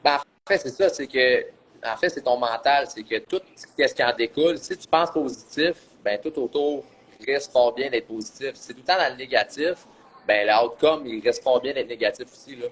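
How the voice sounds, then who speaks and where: A man with a Quebec French accent co-hosts a casual chat at a middle pitch. He works through his ideas step by step and lays out each point in turn. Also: normal speed, slight background noise, poor audio. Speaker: co-host.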